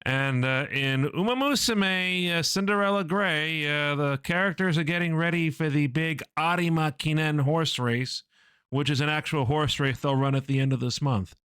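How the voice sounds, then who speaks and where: A man co-hosting an anime podcast in a relaxed, rambling way, pausing on ums and uhs as he explains things. His voice is smooth and somewhat high for a man. It sounds close and dry, with no room sound. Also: no echo. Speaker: podcast co-host. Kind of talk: casual podcast chat about anime news.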